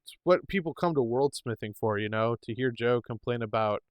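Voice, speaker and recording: On a dry, poor-quality recording, a man of medium pitch co-hosts a podcast, talking fairly quickly in a loose, casual chat. He wanders between topics, leaning on fillers and frequently starting over.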